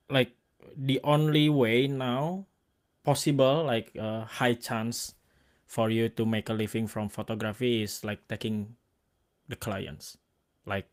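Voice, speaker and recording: A man with an Indonesian accent talks in a relaxed conversational interview. His speech comes in short, stop-start pieces, often restarting words and leaning on fillers. His voice sits at an ordinary middle pitch for a man. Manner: halting, restarts words, many likes and fillers. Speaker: host and photographer.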